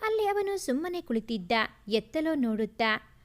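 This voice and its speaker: A woman narrating a family story in an expressive, lyrical way. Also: sits high, moderate pace.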